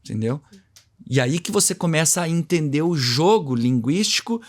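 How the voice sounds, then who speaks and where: A man's voice: on the high side, lively intonation, moderate pace. Didactic Brazilian man explaining. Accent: Brazilian Portuguese. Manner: didactic, plays with his own intonation and contrasts while explaining; acts out short dialogues to give examples. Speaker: communication and NLP trainer, guest. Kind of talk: explanatory interview talk.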